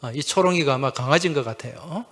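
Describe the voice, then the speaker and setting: A man's voice: a little high, fast, fairly bright tone. A male pastor delivering a Sunday sermon in a slightly raised voice. He keeps it conversational, putting questions to the congregation and answering himself with a short "yes". Humorous anecdotes come easily to him.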